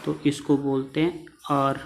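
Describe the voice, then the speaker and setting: A man's voice: mid-range voice, unhurried, gravelly, low-quality recording. Shorthand lesson by a male teacher. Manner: steady explaining, repeats key terms. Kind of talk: classroom lesson.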